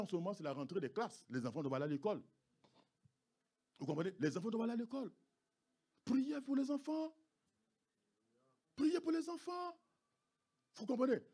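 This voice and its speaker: A man's voice: sits high, breathy edge. A man preaching a sermon as pastor, emphatic and repetitive, often asking the congregation if they understand. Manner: emphatic, repeats phrases, asks the congregation "vous comprenez?". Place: church.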